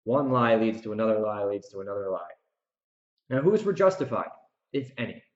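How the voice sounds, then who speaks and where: A podcast host and author gives reflective solo recap commentary that slides partly into a rant, speaking emphatically and repeating phrases to hammer his points home. His voice is on the low side, lively in intonation and fairly quick, with a roomy sound and cut-off highs.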